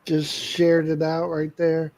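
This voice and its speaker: A man co-hosting a casual live stream with his wife, chatting loosely, thanking viewers by name and filling pauses with "uh". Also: a little high, completely flat delivery. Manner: chatty, shouts out viewers, many "uh" fillers.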